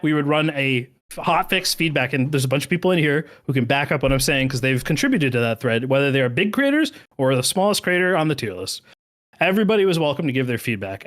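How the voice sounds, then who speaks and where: A man's voice: a little high, a bit bright. A man who was a creator manager, ranting heatedly with plenty of swearing on a podcast. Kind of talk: podcast chat.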